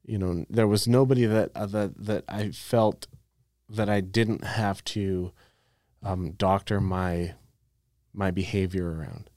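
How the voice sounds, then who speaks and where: A man's voice: deep voice, steady tone, takes it slowly, a little mellow, no echo, clean studio sound. A man co-hosting a casual podcast chat, blunt and irreverent, often restarting his sentences.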